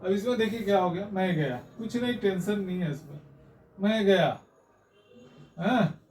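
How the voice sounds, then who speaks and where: Guy teaching grammar, high voice, keeps asking haan? theek hai?, echoey room from far off. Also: a little mellow. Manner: explains slowly, repeats and checks with "haan?" and "theek hai?". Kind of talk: classroom lesson.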